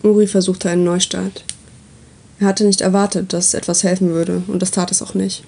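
A woman reading a story aloud as its narrator, with steady, even delivery. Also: fairly low pitch, brisk, vocal fry, slightly rough.

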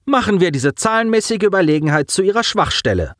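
A man's voice: high voice, fast, dry recording, clean studio sound, voice pushed up. Lieutenant Guges, an icy female officer, voiced by a man. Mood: icy, scornful. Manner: icy, calm and cutting, with cold laughs. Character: cold, commanding female starship lieutenant.

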